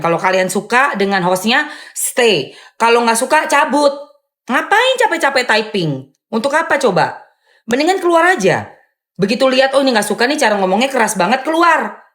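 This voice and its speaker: Loud, blunt woman streamer. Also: on the high side, big pitch swings, brisk. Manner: emphatic, often rising sharply on dismissive phrases. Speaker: live-stream host and content creator. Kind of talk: casual live-stream commentary answering viewer comments.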